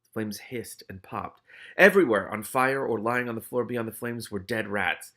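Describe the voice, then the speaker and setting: This man's voice sits fairly low and comes across a bit bright, moving at a moderate pace. Hosting a read-aloud of a novel, he reads dramatically, then breaks off into casual, exclamatory commentary full of swearing, like an expressive audiobook reading punctuated by his own reactions.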